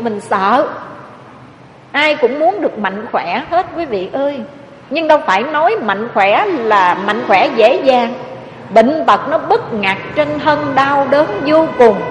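A woman's voice: high voice, slight background noise. A Buddhist nun, preaching a sermon with emotive storytelling and often addressing her listeners directly. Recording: echoey hall, dull lo-fi sound.

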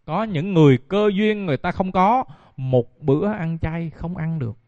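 A man's voice: on the high side, animated, moderate pace, a little mellow, no room sound. A man, a Buddhist monk giving a dharma talk and telling stories directly to his listeners. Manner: storytelling, addresses audience directly. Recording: dull dry lo-fi recording.

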